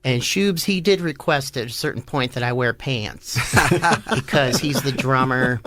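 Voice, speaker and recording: A man's voice: mid-range voice, unhurried, a bit bright, a little hiss or hum. A man being interviewed on a podcast, telling stories in a laid-back, joking way. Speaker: podcast guest, rock musician. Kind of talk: casual interview chat.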